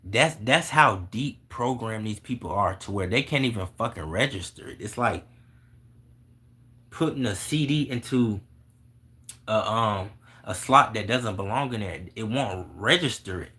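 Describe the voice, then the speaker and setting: Young male vlogger, casual and profane, quick to laugh, bright edge in the voice. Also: on the low side, lively intonation. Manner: profane, blunt, laughs often. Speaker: vlogger answering viewer questions. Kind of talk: casual spiritual monologue.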